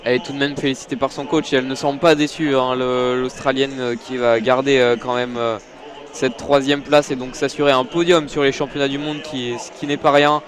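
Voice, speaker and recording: A man giving live audio-described athletics commentary from a stadium, hesitant with many fillers, rising when excited. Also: mid-range voice, brisk. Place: outdoor stadium.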